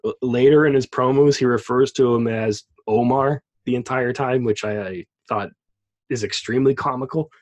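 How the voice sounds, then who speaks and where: A man's voice: mid-range voice, moderate pace, darkish tone. A man co-hosting a podcast, chatting casually and enthusiastically about wrestling. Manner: enthusiastic, rambling with restarts. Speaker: podcast co-host.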